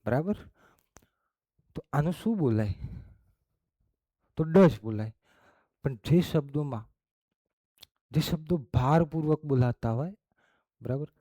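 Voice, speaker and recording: A man with a fairly high, warm voice and lively intonation leads a classroom lesson, recorded with no room sound. Though his pitch moves a lot, his pace is slow as he explains each step, often asking "okay?" and "barabar?"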